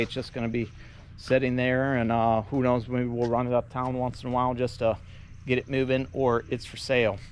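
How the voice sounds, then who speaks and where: A man talks through his truck project in an easygoing, rambling way, full of ums and uhs. His voice sits in a flat, unvarying pitch. He is recorded outdoors beside the truck with a faint hiss behind him. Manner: laid-back, rambling, many fillers. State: a little out of breath at times. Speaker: vlogger working on his trucks. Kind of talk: casual self-filmed narration.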